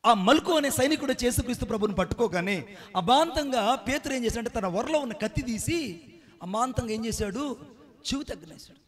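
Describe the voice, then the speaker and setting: A man's voice: extremely high pitch, lively intonation, fairly quick. A middle-aged male pastor giving a sermon, often firing questions at his listeners and acting out quoted dialogue. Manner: rhetorical questions to the congregation.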